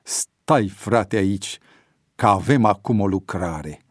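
A man's voice: on the low side, lively intonation, no echo. Plain-spoken storybook prisoner, read by a man, dry close sound. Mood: friendly. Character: prisoner man, warm and friendly.

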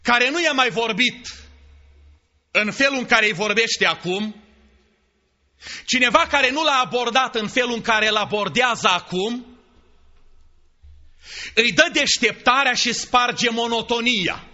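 Male preacher, high sharp tone, theatrical sermon, dull lo-fi recording. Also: long pauses. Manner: dramatic, acts out dialogue with shifting voices. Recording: dull lo-fi sound.

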